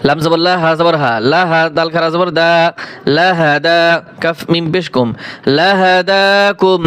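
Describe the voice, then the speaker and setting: A man teaching Quran reading, spelling out each syllable slowly and deliberately and reciting verses in a drawn-out chant. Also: a little high, steady tone, fairly bright tone, smooth, no room sound.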